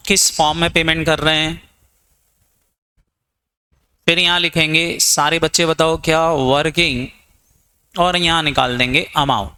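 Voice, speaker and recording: An Indian man teaching accounting in a classroom lecture, quizzing students and urging quick answers, mixing English terms into Hindi. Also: on the high side, sharp tone, clean tone.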